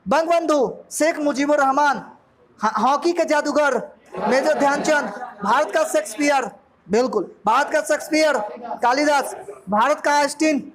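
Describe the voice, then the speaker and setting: Man, Bihari accent, coaching teacher, quiz revision, jokey, high voice, busy classroom behind. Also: moderate pace, crowd noise. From Bihar, India. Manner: jokey, asks the class questions. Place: classroom full of students. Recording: noisy crowded classroom. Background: students in the room.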